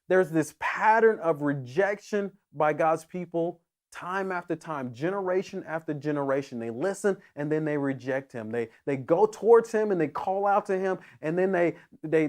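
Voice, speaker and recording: A man's voice: a little high, a little mellow. A man preaching a sermon as pastor, earnest and emphatic, often restarting his phrases as he builds toward a point.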